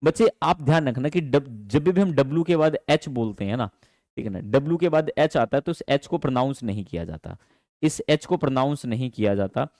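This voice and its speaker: A man teaching an online English class in Hindi, animated and affectionate, calling his students dear children. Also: medium pitch, brisk, no echo, clean studio sound. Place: teaching from home.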